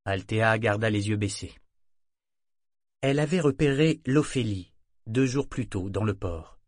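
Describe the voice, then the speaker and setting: A man reading a novel as an audiobook narrator in a measured, even manner. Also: on the low side, dry recording, clean studio sound. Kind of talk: scripted narration.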